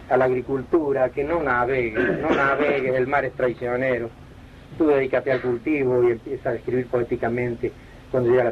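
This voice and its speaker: A man telling anecdotes in a relaxed, rambling way, often correcting himself and searching for names. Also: mid-range voice. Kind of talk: relaxed spoken storytelling. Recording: dull lo-fi archive recording with faint hiss.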